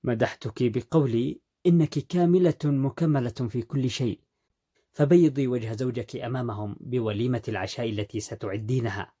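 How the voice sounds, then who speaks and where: Brief: worried husband, urgent and pleading, warm mellow voice, read by a man. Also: mid-range voice, moderate pace, husky, natural voice. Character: anxious, boastful husband, easily upset.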